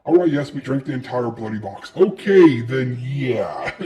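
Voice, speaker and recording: A man's voice: mid-range voice, animated, normal speed, dark tone. A man casually commenting on his game and reading its quest text aloud, with dry, joking asides. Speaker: gameplay video host.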